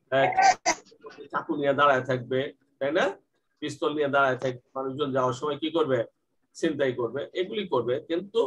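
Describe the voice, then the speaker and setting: Teaching English grammar in Bengali, a man poses questions and answers them himself, reading English example sentences slowly. His voice is a little high, and the recording is rough.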